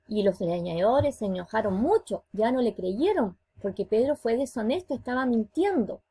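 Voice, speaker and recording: Chilean teacher lady talking to little kids, bouncy voice, a bit husky. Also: fairly high pitch. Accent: Chilean Spanish. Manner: animated, coaxing, asks the children questions. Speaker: schoolteacher. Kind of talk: virtual class for young children.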